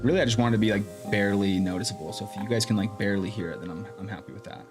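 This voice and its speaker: Talking very fast in a lowish voice, a livestream host chats casually and thinks out loud as he sorts out his mic and sound setup. He's using a streaming mic with in-ear monitoring, and faint background music can be heard.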